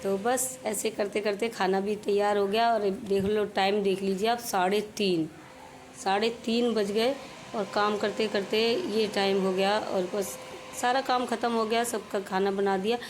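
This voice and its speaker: A woman's voice: mid-range voice, little pitch movement, moderate pace, slight background noise. A middle-aged woman with a slightly sore throat, chatting casually over her home cooking and cleaning footage. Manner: chatty, homely, explains while working. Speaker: home vlogger.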